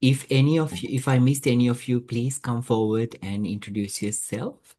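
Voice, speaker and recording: A man hosts an online group session from a video call, his voice at an ordinary middle pitch. He talks in a halting way, full of fillers and restarts as he welcomes each person. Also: steady tone, dark tone. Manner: hesitant, with many fillers and restarts. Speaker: webinar host.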